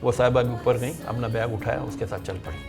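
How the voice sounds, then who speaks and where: A man's voice: mid-range voice, steady tone, gravelly, over music. A middle-aged man with a Pakistani Urdu accent, a religious scholar telling a long story and acting out the people in it. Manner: narrates at length, acting out the people in his stories.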